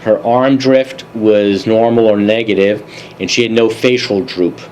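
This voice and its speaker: A man presenting a continuing education review of emergency calls, relaxed and conversational with dry asides. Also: lowish voice, measured pace, slight background noise, low-quality recording. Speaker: EMS medical advisory presenter. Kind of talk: case review lecture.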